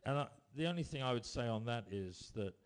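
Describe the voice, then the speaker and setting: A man preaching a sermon, telling stories with emphatic rises and quiet drops. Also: mid-range voice, lively intonation, fairly quick, smooth. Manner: storytelling, rising to emphatic bursts then dropping quiet.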